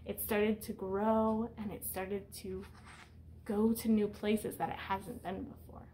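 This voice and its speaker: Reading a picture book to young children in a small indoor room, a woman in her thirties speaks slowly with a medium-pitched, dark voice and flat delivery. She teaches with simple, instructive wording, explains plainly and asks questions, over a slight hiss or hum.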